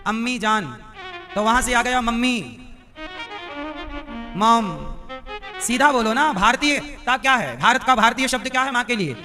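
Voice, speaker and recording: Casting note: very high-voiced male preacher, playful quizzing of the crowd, music playing underneath. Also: animated, unhurried, long pauses, pushed and bright. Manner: teasing, quizzing listeners directly. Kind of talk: devotional discourse with audience questions. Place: live religious gathering.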